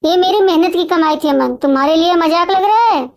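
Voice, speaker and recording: An honest, hardworking elder brother, played by a woman storyteller, earnest and stern with his wayward sibling in a storybook tale. The voice stays high-pitched. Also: fairly quick. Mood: angry. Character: honest hardworking older brother, family man.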